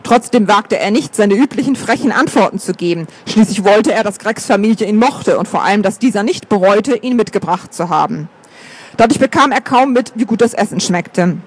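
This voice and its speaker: A man narrating a story aloud with a notably high voice. His delivery is even and steady, the calm pace of a scripted audiobook reading. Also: a little fast.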